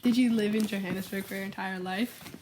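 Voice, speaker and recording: A woman's voice: medium pitch, fairly even intonation, a little fast, darkish tone, a little hiss or hum. A teenage girl interviewing her father for a school project, reading prepared questions plainly. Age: teens. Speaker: student interviewer.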